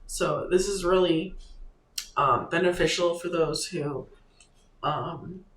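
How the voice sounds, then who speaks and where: A creator walks viewers through building a site in a relaxed screen-share lesson, pausing and thinking aloud between clicks. The voice sits at a middle pitch, and the room around it rings with a noticeable echo. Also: a little hiss or hum. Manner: loose and halting, thinking aloud while clicking through steps. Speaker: online creator and business coach. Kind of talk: casual screen-share tutorial. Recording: echoey room with faint ambience.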